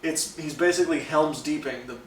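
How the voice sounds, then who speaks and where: A man's voice: fairly high pitch, brisk. A man co-hosting a film podcast, chatting eagerly and casually. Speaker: podcast co-host. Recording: roomy, distant mic, faint noise.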